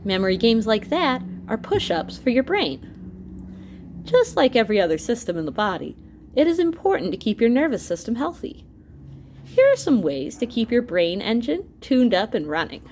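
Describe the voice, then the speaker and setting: With a fairly high voice at a moderate pace and a little hiss or hum behind her, a woman reads an educational book aloud as a teacher to students. She's animated, talking directly to her listeners through asides and exclamations.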